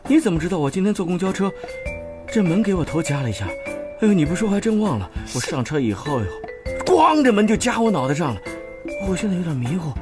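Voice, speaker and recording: A man's voice: high-pitched, very animated, fast, music in the background. An actor playing a joking middle-aged husband who teases and soothes his wife in a TV drama. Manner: teasing, joking, placating. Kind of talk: TV drama acting.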